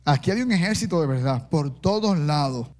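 A middle-aged man preaching a sermon, animated and humorous, acting out voices as he tells the story. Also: a little high, a little fast. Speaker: pastor.

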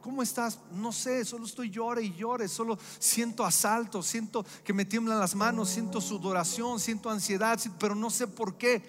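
A man's voice: high-pitched, steady tone, moderate pace, hardly any pauses, fairly bright tone. A middle-aged man preaching a sermon, with an emphatic, repetitive cadence. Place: church hall. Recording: echoey hall with faint music.

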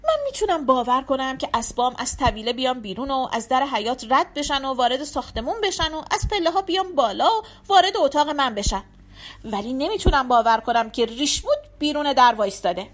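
A woman's voice: high-pitched, very animated. A woman narrator reads a mournful lord in a storybook, tired and sorrowful in tone. He speaks with a weary disbelief.

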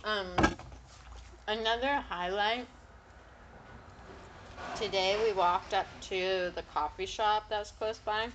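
A woman's voice: mid-range voice, steady tone, takes it slowly, pauses often, highs cut off, slight background noise. Casual woman co-host, rambling and swearing. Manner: loose storytelling, frequent ums, casual swearing. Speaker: podcast co-host. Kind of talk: casual chat.

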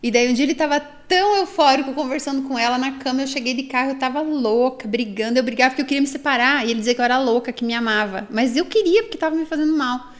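A Brazilian woman in her forties with a high, bright-sitting voice speaks as an interview guest. She tells her own story frankly and animatedly, slipping into other people's voices when she quotes them. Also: fast, few pauses. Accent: Brazilian Portuguese. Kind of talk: candid personal storytelling.

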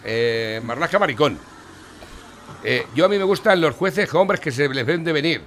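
Mocking, crude Spanish host. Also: male voice, fairly high pitch, animated, moderate pace, a bit bright, a little hiss or hum. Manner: mocking, crude, reads out headlines. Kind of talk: provocative political commentary.

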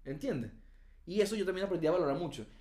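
A man's voice: on the high side, very animated, fast, darkish tone, echoey room. A Venezuelan man co-hosting a casual podcast chat, blunt and slangy, swearing freely. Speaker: podcast co-host.

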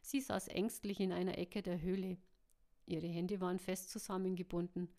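Woman reading a story aloud, steady and even. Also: lowish voice, moderate pace. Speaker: audiobook narrator. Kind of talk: storybook narration.

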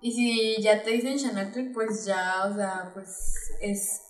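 A woman's voice: medium pitch, fairly even intonation, takes it slowly, recorded from a distance. A young woman with a Mexican accent, co-hosting a podcast in casual chat and telling stories through giggles. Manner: giggly, storytelling. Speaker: podcast co-host. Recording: roomy echoey sound.

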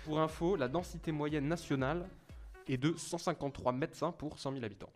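A man's voice: a little high, brisk, faint music behind. A man hosting a casual quiz among friends, explaining answers at length with mock-formal asides. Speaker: quiz host.

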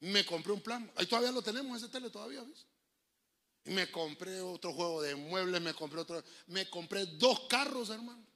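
A middle-aged man with a Honduran Spanish accent, preaching a lively sermon, telling jokes and stories and acting out voices. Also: high voice, brisk. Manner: joking, storytelling preacher, acts out voices. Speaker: pastor.

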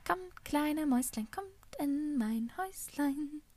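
A woman reading an audiobook, voicing a cheerful, bubbly woman in a high, sing-song, gushing voice. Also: lively intonation, unhurried, creaky, a bit bright, heavily acted. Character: cheerful bubbly woman, the narrator's aunt-like host.

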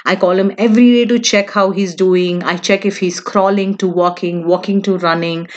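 A woman's voice: mid-range voice, fairly even intonation, normal speed, muffled recording. A woman, casually telling a personal story in a chatty, confiding way, with frequent asides to the listener.

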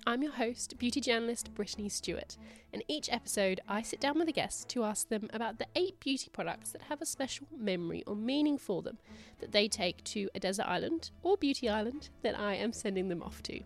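A woman's voice: medium pitch, lively intonation, a little fast, few pauses. A woman hosts a podcast and reads her introduction from a script. Her voice is nasal and a little worn from a cold. Faint music plays behind her. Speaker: podcast host.

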